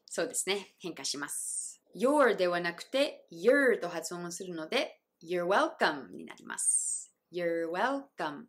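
A young adult woman whose first language is English, teaching pronunciation in a friendly video lesson, bright and upbeat, modeling phrases slowly and clearly. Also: lowish voice, animated.

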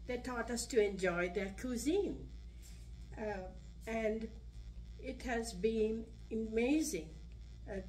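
A woman's voice: fairly low pitch, a little mellow. Older sri lady reading her story at a senior center, kinda far from the mic, faint hum behind. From Sri Lanka. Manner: measured, reads from a page. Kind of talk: reading a personal story aloud. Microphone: podium mic. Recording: distant room recording, faint hum.

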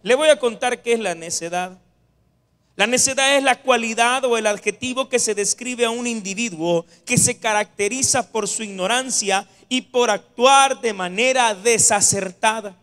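A man preaching a Sunday sermon, animated and calling his listeners brother and sister. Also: very high-pitched, moderate pace. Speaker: pastor.

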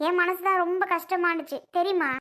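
A woman playing a stubborn young wife who angrily refuses to go back, snapping sharp retorts. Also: very high-pitched, fairly even intonation, a little fast. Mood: defiant.

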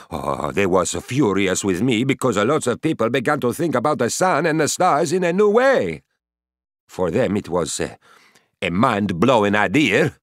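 A man with a lowish voice, recorded cleanly in a studio with no room sound, plays an elderly male astronomer narrating his own life in the first person. It's a children's story, told chatty and cheeky with lively asides.

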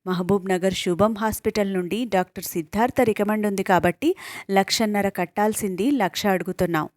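A woman's voice: medium pitch, a little fast, darkish tone, dry recording, studio quality, lightly acted. A woman voicing a firm, businesslike female hospital nurse in a storybook reading. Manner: firm, matter-of-fact.

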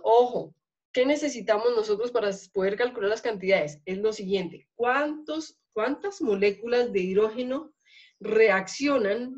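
A Colombian woman teaches a chemistry lab class, pausing often to ask her students whether they follow. The recording is dull and lo-fi, made in a classroom. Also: on the high side, darkish tone. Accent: Colombian Spanish. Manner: checks in often with questions to students. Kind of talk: classroom lecture.

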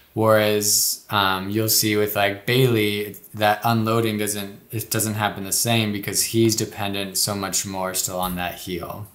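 A man co-hosting a casual climbing technique breakdown, his voice sitting a little low. He rambles and restarts as he thinks aloud. The recording carries a noticeable room echo. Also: fairly bright tone. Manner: loose and rambling, many restarts and "like" fillers. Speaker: co-host breaking down climbing footage.

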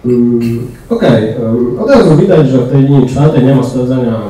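A young man giving a technical talk in a large lecture room, pausing often with fillers. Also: medium pitch, lively intonation, mellow. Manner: hesitant, many fillers. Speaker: conference speaker. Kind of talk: technical presentation. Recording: echoey hall, distant mic.

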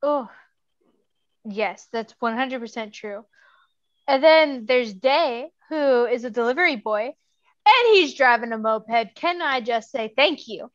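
A woman guest on a podcast, telling her work stories briskly and acting out what people said. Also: on the high side, lively intonation, highs cut off. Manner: brisk storyteller, acts out quotes. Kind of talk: casual chat.

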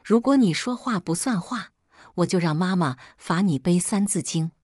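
A woman's voice: on the low side, lively intonation, moderate pace, darkish tone, no echo, studio quality. A woman voicing a small crafty boy who whines and sobs his pleas, in a storybook reading. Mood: eager. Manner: whining, sobbing pleas.

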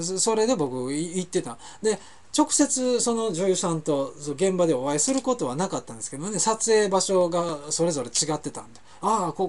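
A man with a Kansai accent hosting a talk show, telling rambling anecdotes in a casual monologue and often correcting himself mid-sentence. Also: a little high. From Kansai, Japan. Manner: chatty, rambling anecdotes with frequent self-corrections. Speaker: host of a web talk show.

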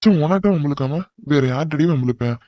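A man does cartoon voice acting as a cocky young man bossily teasing his cousin, his delivery bold and teasing. His natural-sounding voice is on the high side, animated and quick. There is no room sound, and the audio is lo-fi.

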